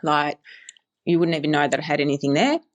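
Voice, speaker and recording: Low-voiced woman in her forties, matter-of-fact. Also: fairly even intonation, fairly quick. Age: 40s. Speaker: podcast guest giving a testimonial. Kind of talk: casual recorded testimonial.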